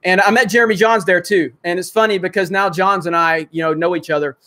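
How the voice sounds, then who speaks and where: A livestream host with a high, sharp voice talks at a quick pace with fairly even intonation. He rambles through super chats, reading viewer comments and answering them with many fillers.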